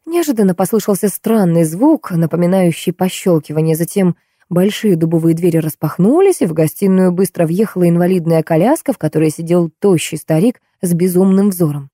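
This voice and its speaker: A woman narrating a novel in steady, even scripted reading. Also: fairly low pitch, fairly quick, dry recording, studio quality. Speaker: audiobook narrator.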